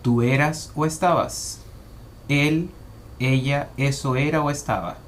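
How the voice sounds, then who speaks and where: A man's voice: mid-range voice, fairly even intonation, a little hiss or hum. Methodical male English teacher. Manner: methodical, slows to spell out English example phrases. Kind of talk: explanatory grammar lesson.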